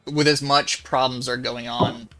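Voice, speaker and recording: A man's voice: mid-range voice, level tone, measured pace, over loud music, poor audio. A man playing a tabletop game over a voice call. His audio is glitchy and robotic, and he rambles with lots of fillers. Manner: rambling, filler-heavy, hesitant. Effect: glitchy, robotic-sounding voice chat audio. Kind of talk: casual chat over voice call. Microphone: online voice call.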